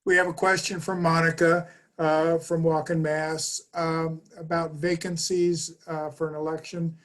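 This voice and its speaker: A man leads the questions in an online webinar, his voice slightly high and held almost level in tone. He speaks politely and haltingly, dotted with ums and uhs as he hands the floor to others over a video call. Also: flat delivery, a bit bright. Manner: polite, halting, many fillers. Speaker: webinar moderator. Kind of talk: moderating an online Q&A.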